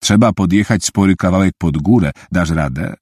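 Man voicing a calm, helpful teenage boy. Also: low-pitched, normal speed, breathy edge, no room sound, clean studio sound. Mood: matter-of-fact.

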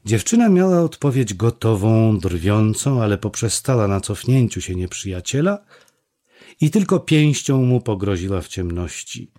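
A man narrating a novel as an audiobook in a measured, steady reading voice. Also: on the low side.

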